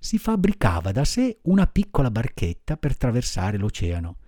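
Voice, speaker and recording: A man voicing a big kindly male pigeon in a low, steady, gently advising storybook voice, recorded dry. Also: moderate pace, dry recording. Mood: calm. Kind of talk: audiobook character voice.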